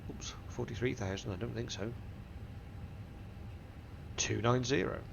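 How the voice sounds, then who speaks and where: Stuffy-nosed from a cold, a man hosts a flight simulator tutorial, going methodically through every cockpit setting step by step. His mid-range voice is a little slow with vocal fry, the recording muffled, and the simulator's engine and cabin hum sit behind him.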